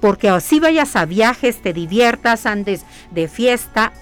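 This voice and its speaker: A woman's voice: on the high side, lively intonation, slow, faint music behind. A woman, a workshop leader answering interview questions in an earnest, repetitive way, often posing questions to herself. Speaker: guest, spiritual hiking workshop leader. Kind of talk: conversational interview.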